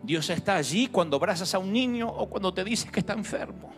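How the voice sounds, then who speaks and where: Lively impassioned male preacher. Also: high-pitched, a little fast, big-room sound, faint music behind. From Argentina. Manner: impassioned preaching, swings from hushed to shouting. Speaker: pastor. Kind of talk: sermon.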